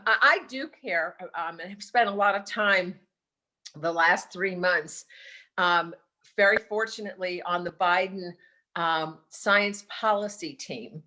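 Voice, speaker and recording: A woman giving thoughtful, halting remarks on a video call, often restarting her sentences. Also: medium pitch, pushed and bright. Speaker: meeting participant on a science policy team. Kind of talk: online meeting remarks.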